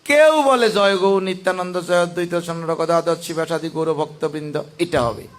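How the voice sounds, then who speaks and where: A man giving a devotional sermon who argues with rhetorical questions and chants scripture verses and mantras in a slow, sung cadence. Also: on the high side. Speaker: preacher.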